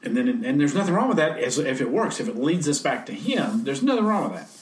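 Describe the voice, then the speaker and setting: A middle-aged man in a casual faith conversation, telling folksy stories and softly acting out quoted speech. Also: fairly high pitch, sing-song, fast talker. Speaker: guest.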